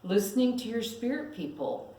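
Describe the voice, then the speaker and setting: A woman minister delivering a sermon who tells personal stories in an animated way and laughs at herself. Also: on the high side, normal speed. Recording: echoey room.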